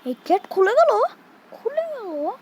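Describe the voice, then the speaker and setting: A woman's voice: very high voice, sing-song, unhurried, very noisy. A young woman from Bangladesh giving casual, jumpy commentary while playing a horror game and talking back to the game. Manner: jumpy, chatty, scolds the game baby. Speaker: gaming streamer.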